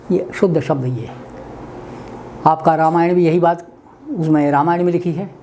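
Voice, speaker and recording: An older man from India giving a weekly webinar lesson on language, speaking deliberately and spelling out words. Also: high-pitched, mellow, slight background noise. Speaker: Hindi language teacher. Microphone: webinar computer mic.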